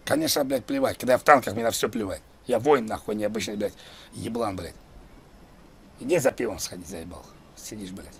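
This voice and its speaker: A man playing a foul-mouthed elderly factory worker who games, swearing and shouting constantly in comic role-play on a stream. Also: lowish voice, fairly quick, creaky, slight background noise, voice pushed down. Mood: abusive.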